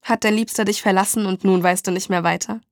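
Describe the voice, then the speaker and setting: A blunt homeless man who collects bottles, put on by a woman reading a story. He talks in rough street slang and teases, in a flat, gravelly voice. The sound is dry and close. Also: fairly low pitch, moderate pace, dry recording, close to an everyday voice.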